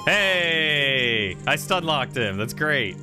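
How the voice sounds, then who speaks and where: A young man in relaxed, chatty conversation with his stream viewers, reading their messages aloud in an average-pitched voice. He talks from a home streaming setup while video game music plays steadily underneath. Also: moderate pace. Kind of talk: casual let's-play chat.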